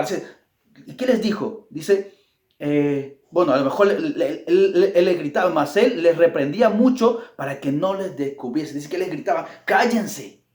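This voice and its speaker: A man preaching a Bible study with an emphatic, repetitive delivery that drives each phrase home. His voice sits a touch high for a man. The sound is roomy, with a clear echo around him. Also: darkish tone.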